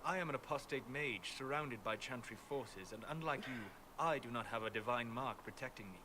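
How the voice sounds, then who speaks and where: An actor playing a calm, scholarly mage in a video game, speaking in a measured, wistful, formal way like a guide to dreams. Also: male voice, mid-range voice, noisy background, natural voice. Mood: guarded. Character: calm, scholarly apostate mage, a male dreamer of ancient memories.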